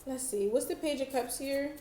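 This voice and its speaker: A woman giving a tarot reading, talking slowly and reflectively straight to the viewer. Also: high-pitched, reverberant, noisy background. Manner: slow, reflective, channeling-style delivery. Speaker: tarot reader.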